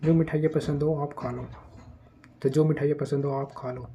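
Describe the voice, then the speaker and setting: A man with a mellow, warm voice teaches an exam-prep grammar lesson in a relaxed, conversational way. He reads each test sentence slowly, then picks up speed to warn about common traps. A faint hiss of noise sits under the recording. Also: fairly high pitch, lo-fi sound.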